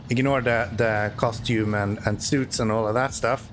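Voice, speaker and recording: A Swedish man, a native Swedish speaker with a Swedish accent, chats casually while streaming a driving game, joking, mocking himself and being sarcastic. His mid-range voice keeps a fairly even intonation at a normal speed, with slight background noise.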